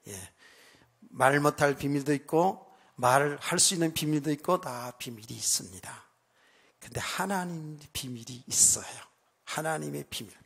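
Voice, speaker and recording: A male pastor preaching a sermon, speaking calmly and then suddenly raising his voice to shouting, with a sore throat. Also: on the high side, normal speed, gravelly, slightly rough. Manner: calm talk that suddenly rises to shouting.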